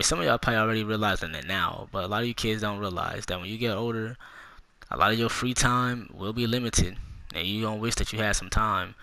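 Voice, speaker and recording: A man in his twenties with a fairly low, sharp voice and no echo tells a casual storytime rant. As a gaming YouTuber, he speaks directly to young viewers and swears a lot.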